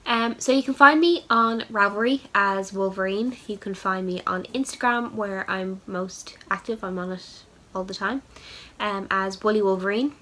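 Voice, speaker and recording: A young Irish woman hosts a knitting podcast, chatting casually with lots of ums and upbeat asides while fighting a head cold. Her medium-pitched, sharp-toned voice keeps a normal speed with hardly any pauses as she does casual show-and-tell.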